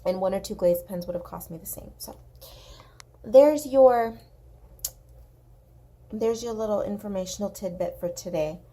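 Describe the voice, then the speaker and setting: A woman with a slight Southern California Valley accent and a dry, slightly gravelly voice with some vocal fry, chatting casually and emphatically as she hosts a coloring tutorial. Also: mid-range voice, steady tone, quick pace, few pauses, dark tone. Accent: Southern Californian, slight Valley girl. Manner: informal, emphatic, repeats herself for emphasis. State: dry throat. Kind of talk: casual, chatty craft commentary. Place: indoors at a craft desk. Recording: clear background noise.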